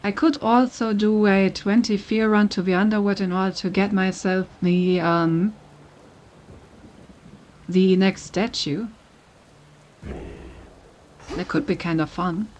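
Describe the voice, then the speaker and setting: A woman's voice: medium pitch, slow pace, pauses often, a little hiss or hum. Chatty woman streamer playing a game. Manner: chatty, relaxed, thinking aloud. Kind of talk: casual gameplay commentary.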